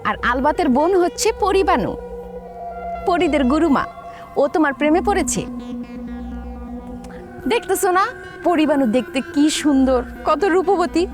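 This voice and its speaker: A woman plays a young new bride full of mischief, teasing and playful. Her voice sits high. Loud background music plays throughout. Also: lively intonation, normal speed, long pauses. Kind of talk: comedy drama acting.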